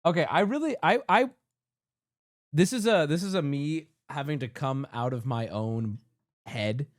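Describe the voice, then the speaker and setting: Excitable streamer man with a lively voice. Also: on the high side, a little slow, dry recording, studio quality. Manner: animated, excitable, bursts into shouting. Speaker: livestreamer. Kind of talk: casual stream reaction chat.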